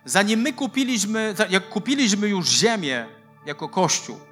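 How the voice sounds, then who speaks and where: A man's voice: high-pitched, animated, moderate pace, fairly bright tone, faint music behind. A man preaching a sermon as a pastor, emphatic and mixing in personal stories.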